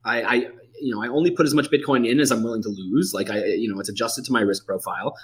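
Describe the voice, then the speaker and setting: A man of middle pitch hosting a relaxed podcast chat. He rambles and restarts, and fills his talk with "like" and "you know". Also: fast. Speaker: podcast host. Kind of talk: casual podcast conversation.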